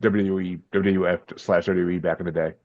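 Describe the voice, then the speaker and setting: A podcast guest from Massachusetts, USA, chats in a casual interview, laid-back and hesitant, often repeating his words. His voice sits low with little pitch movement and a quick pace. The audio is dull but free of echo.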